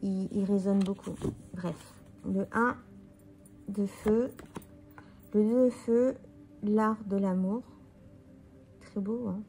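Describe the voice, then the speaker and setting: Slow and steady, this woman's warm, medium-pitched voice pauses often, with slight background noise. She's a weary tarot reader in a casual deck walkthrough, musing aloud as she flips and shows each card.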